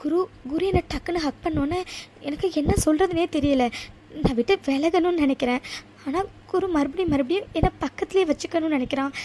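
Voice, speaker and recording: Woman doing a high quick-talking college girl, flustered, cartoon heroine. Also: warm tone, close to an everyday voice. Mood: confused. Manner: fast, exasperated, rising to anger. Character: young college woman, confused and easily riled.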